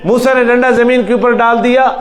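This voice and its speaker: High-voiced preacher chanting verses. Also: male voice, fairly even intonation. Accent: Pakistani Urdu. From Pakistan. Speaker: mosque preacher teaching Quran. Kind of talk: Quran lesson sermon. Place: mosque.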